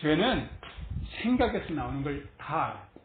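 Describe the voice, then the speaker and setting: A woman's voice: low voice, sing-song, moderate pace, slight background noise. A woman teaching a Bible passage in a sermon style, asking her listeners many rhetorical questions and laughing lightly between phrases. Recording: tinny phone-like sound with roomy echo.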